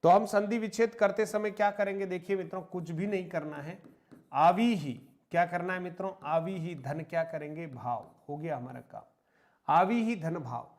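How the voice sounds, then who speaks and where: A man with a fairly high voice teaches an online grammar lesson. He dictates example words slowly and repeats each one. He keeps asking his students questions and then answers them himself. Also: darkish tone. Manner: slow, repetitive dictation of example words, often addressing "मित्रों".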